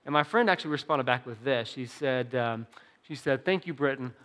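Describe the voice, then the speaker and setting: A man's voice: mid-range voice, brisk, fairly bright tone. A young adult male pastor preaching a sermon in a casual, self-deprecating way, with frequent restarts and fillers. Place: church sanctuary. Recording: long reverb of a church hall.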